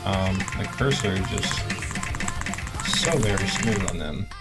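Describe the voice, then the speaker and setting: A man giving a casual, unscripted product review in a low-key, halting way, thinking aloud, his mouth sore after oral surgery. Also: animated, over loud music. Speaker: presenter reviewing a gaming tablet.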